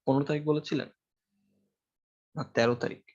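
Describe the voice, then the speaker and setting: A man's voice: a little high, steady tone, brisk, gravelly, darkish tone, dull audio. A man teaching a university class through a microphone, explaining step by step and asking his students questions, with frequent fillers. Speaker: university lecturer. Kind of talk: classroom lecture. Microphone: microphone with amplifier in a classroom.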